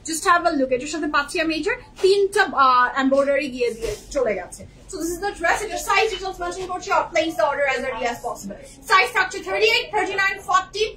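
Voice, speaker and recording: Through poor audio with slight background noise, a woman's very high, bright, forceful voice gushes over dresses in a live-stream clothing sale. She is a working mother, a young adult or in her 30s, who sprinkles English into her Bengali.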